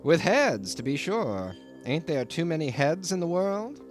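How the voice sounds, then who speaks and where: A man's voice: fairly high pitch, very animated, a little slow, faint music behind, voice pushed up. A man voicing a folksy, sly, amused innkeeper with a rustic, teasing manner in an audiobook. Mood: teasing, unbothered. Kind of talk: audiobook character voice.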